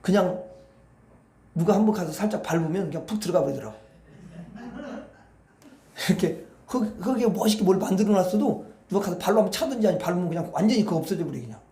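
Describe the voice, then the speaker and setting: Male pastor, very high voice, folksy rambling sermon, echoey hall. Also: fast, pauses often. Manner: animated, folksy, rambling, addresses congregation.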